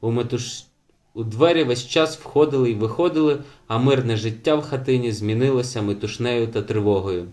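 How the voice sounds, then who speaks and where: A man narrating a novel as an audiobook in a measured, steady reading manner. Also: mid-range voice. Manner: measured, slows for chapter titles.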